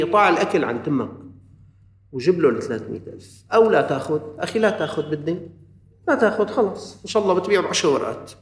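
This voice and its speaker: Male preacher, Levantine Arabic accent, rapid impassioned sermon, higher-pitched voice, roomy echo, distant from the mic. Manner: impassioned, swings between loud urging and quiet earnest asides.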